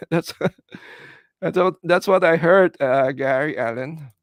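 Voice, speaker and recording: A middle-aged Filipino man with a Filipino English accent and a higher voice hosts a casual livestream, answering viewer comments. He speaks haltingly and earnestly, saying "uh" and "you know" a lot. There's no echo.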